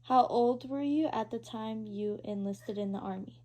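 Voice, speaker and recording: A woman interviewing her uncle at his house, reading prepared questions in a steady, formal way. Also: on the high side, normal speed, slight background noise. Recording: poor quality home recording.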